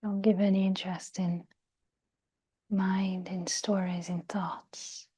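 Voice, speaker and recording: A woman leads a guided meditation in a soft, breathy voice close to a whisper, gentle and soothing. Her mid-range delivery is flat, broken by long pauses.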